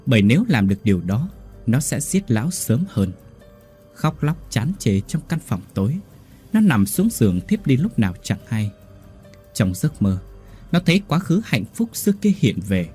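Husky male horror narrator. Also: mid-range voice, sing-song, normal speed, dark tone. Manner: dramatic storytelling. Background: faint music.

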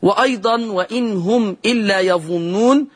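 A man with an Egyptian Arabic accent teaching Quran recitation in a televised lesson, patient, addressing viewers directly, slowing down to chant example words before explaining each rule. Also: sits high, slightly rough.

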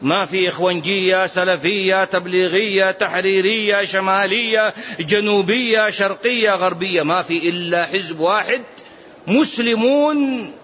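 High-voiced preacher exhorting. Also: male voice, normal speed. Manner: animated, exhorting, rhetorical questions. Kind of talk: mosque lesson sermon. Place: mosque. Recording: dull lo-fi mosque recording with faint noise.

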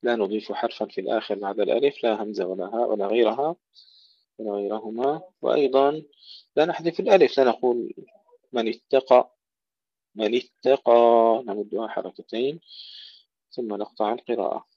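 A man teaching tajweed, slowly and precisely reciting Quranic words and repeating them to contrast correct and wrong pronunciation. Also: fairly low pitch, husky, dry recording, dull audio. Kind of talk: tajweed lesson with recited examples. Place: home or small room, steps away to handle a phone.

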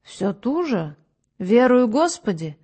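A patient, level-headed doctor who explains things calmly and reassuringly, as a woman reads him. The voice is fairly high, with a dark, mellow warmth throughout. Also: breathy edge, heavily acted. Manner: measured, explaining, unhurried. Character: calm, patient male doctor, head of asylum.

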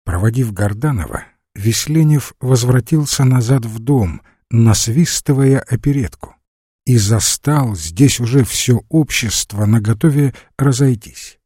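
A man reading a classic novel aloud as an audiobook narrator, in a measured literary way. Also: medium pitch, mellow, breathy edge, dry recording, studio quality. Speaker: audiobook reader. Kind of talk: scripted narration.

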